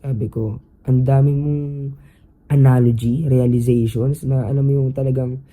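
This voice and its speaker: A man's voice: medium pitch, moderate pace, a little hiss or hum, poor audio. A young Filipino man hosting a podcast, telling a story casually in mixed Tagalog and English with lots of fillers. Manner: animated, Taglish chatter with many fillers. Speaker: podcast host.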